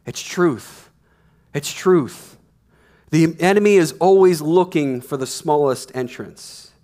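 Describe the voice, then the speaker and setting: A man's voice: a little high, slow pace, darkish tone. A man in his thirties preaching a sermon on a church stage, emphatic and repeating his key lines, on a headset mic. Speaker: pastor.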